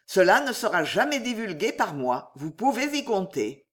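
A dignified old gentleman answers with firm, formal courtesy, voiced by a woman reader. The delivery rises and falls in a lively storybook manner. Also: mid-range voice, normal speed. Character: dignified elderly gentleman philosopher, earnest. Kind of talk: audiobook character reading.

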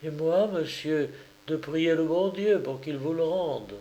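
A man voicing a kind, devoted female nanny in an audiobook, speaking softly and with pity. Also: fairly high pitch, unhurried, dull audio, pitched above the performer's own voice. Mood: earnest. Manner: soft, tender and pitying. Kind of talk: audiobook character reading.

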